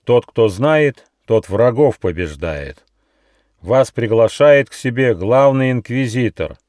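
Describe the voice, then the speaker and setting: A haughty peacock guard from a storybook, laying down orders in a strict, measured, slightly raised voice, as a man puts him on. He sounds cold and official. The recording is close and dry. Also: medium pitch, big pitch swings, dark tone, no room sound, voice pushed up. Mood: stern, haughty. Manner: strict, commanding, slow and measured.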